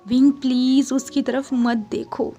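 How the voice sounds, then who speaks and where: Lady doing a clingy young guy begging softly, mellow tone. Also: sits high, flat delivery, slow pace, soft background music. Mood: pleading. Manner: pleading. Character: possessive young man, pleading inner voice.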